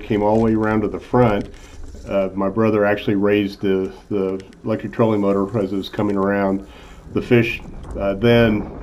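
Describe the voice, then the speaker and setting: Older man, low and mellow, relaxed vlog narrator with lots of fillers, recorded on a phone with a faint hiss. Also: dull audio. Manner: easygoing, frequent "uh" fillers. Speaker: channel host, accountant. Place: in a car, then voice-over.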